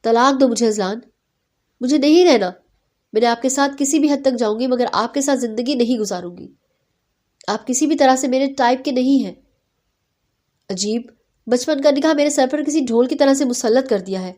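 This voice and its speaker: A woman voicing a quarrelsome young bride who complains in shrill, dramatic outbursts. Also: pauses often, a little mellow, close to an everyday voice. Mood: defiant.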